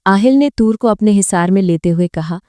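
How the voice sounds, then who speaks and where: A woman narrating a romance novel audiobook in a calm, even storytelling voice. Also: medium pitch, no room sound.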